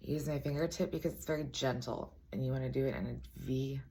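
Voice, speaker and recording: Female, very deep raspy voice with gravelly fry, chatty casual beauty tutorial host. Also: steady tone, fast, dark tone. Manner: chatty, self-deprecating asides. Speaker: makeup tutorial presenter.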